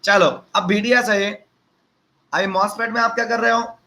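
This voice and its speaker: A man's voice: sits high, steady tone, moderate pace, sharp tone, poor audio. A man, teaching a live online lecture and mixing chatty, teasing asides to his students into the explanation.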